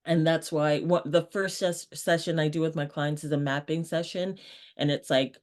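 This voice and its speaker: Brief: young adult woman, interview guest from Canada, lively and casual, laughs easily. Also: low-pitched, moderate pace. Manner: animated, laughs often, acts out quoted voices. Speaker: guest, brand strategist.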